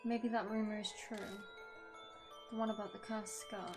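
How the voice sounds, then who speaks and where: Game music plays behind this woman's medium-pitched, flat voice as she reads at a moderate pace. Streaming a visual novel, she reads its lines aloud and drops in casual commentary and reactions in between.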